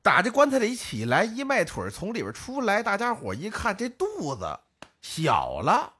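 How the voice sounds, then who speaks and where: Animated male storyteller. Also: sits high, moderate pace, breathy edge. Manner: lively storyteller, acts out village voices, northern colloquial. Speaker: podcast co-host telling a folk tale. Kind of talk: casual storytelling chat.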